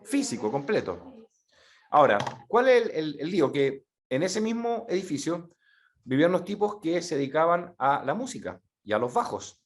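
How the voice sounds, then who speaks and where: Middle-aged Chilean male speaker, lively talk to an audience, slightly high pitch. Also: normal speed. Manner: animated, repeats words for emphasis. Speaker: speaker presenting a methodology.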